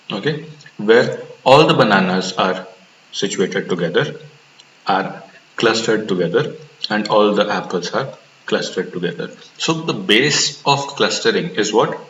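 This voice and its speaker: A man's voice: on the low side, fairly bright tone. A man teaching a lesson, explaining step by step, repeating points and asking rhetorical questions. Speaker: instructor. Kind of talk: classroom-style lecture. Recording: roomy, dull lo-fi recording with hiss.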